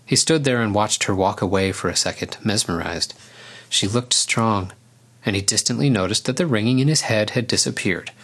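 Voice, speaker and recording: Calm male storybook narrator, low-set voice. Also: normal speed.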